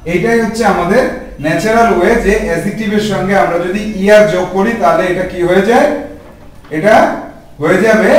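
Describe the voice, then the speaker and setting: Male teacher, quizzes the class as he explains, high voice, distant and echoey. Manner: asks the class questions and answers them himself. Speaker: English teacher. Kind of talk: spoken grammar lesson. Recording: echoey room from far off.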